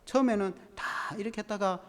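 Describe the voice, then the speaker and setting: A male pastor, preaching a sermon in an animated, storytelling way. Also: sits high, fairly quick, big-room sound. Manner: animated storytelling with acted-out quotes.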